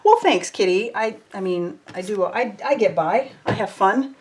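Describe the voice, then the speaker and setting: A woman's voice: mid-range voice, moderate pace. A woman hosting a crafting livestream, chatting casually and reading out viewer comments as she works. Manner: chatty, reads out viewer comments, warm and effusive. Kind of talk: casual live chat while crafting.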